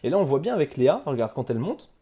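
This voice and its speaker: A man's voice: medium pitch, very animated, rapid-fire, warm tone, husky. A man, a fitness coach explaining an exercise casually to the viewer, with many fillers and restarts.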